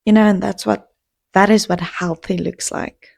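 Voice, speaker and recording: A woman hosting her own podcast, talking in a heartfelt, reflective way with pauses and restarts. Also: medium pitch, fairly even intonation, gravelly, a little mellow, no room sound, studio quality. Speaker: podcast host. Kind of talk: casual solo podcast talk.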